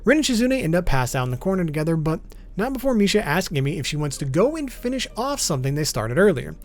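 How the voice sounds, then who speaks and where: With big pitch swings and a fast pace, a man with a fairly high voice narrates an explainer video as its host. His manner is informal and matter-of-fact, and music plays behind him.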